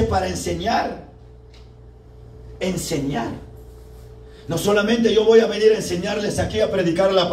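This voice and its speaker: Recorded from afar in an echoey church hall with faint noise, a young man preaches passionately to a parish group, asking the congregation many rhetorical questions. His voice is high-pitched and a little mellow.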